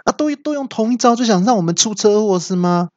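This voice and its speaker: A man putting on a shrill bragging kung-fu thug. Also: animated, no room sound, highs cut off. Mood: taunting. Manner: shrill, bragging, yells move names slowly. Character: brash boastful male martial-arts thug.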